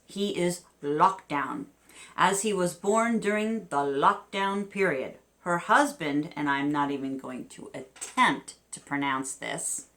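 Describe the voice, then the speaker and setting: A woman in her fifties with a New Jersey accent hosts a homemade vidcast, reading strange news with chatty, wry side remarks. Her pitch swings up and down with lively animation. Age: 50s. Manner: chatty, adds wry asides and laughs. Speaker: host.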